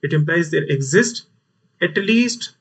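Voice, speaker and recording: A man's voice: on the high side, animated, measured pace, fairly bright tone, slightly rough. A man with a North Indian accent teaching a mathematics lesson online, explaining step by step and repeating phrases for emphasis. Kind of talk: live online lesson, explaining worked problems. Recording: voice sounds distant from mic.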